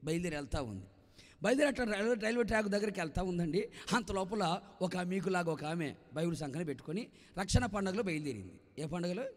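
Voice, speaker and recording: A man preaching as a pastor, telling a story in an animated way that rises to fervent shouting. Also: sits high, quick pace. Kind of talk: storytelling sermon. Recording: echoey live hall reverb.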